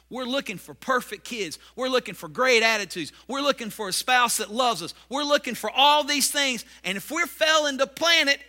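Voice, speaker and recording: A man preaching a sermon as pastor, with repetitive points that build to loud emphasis. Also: extremely high pitch.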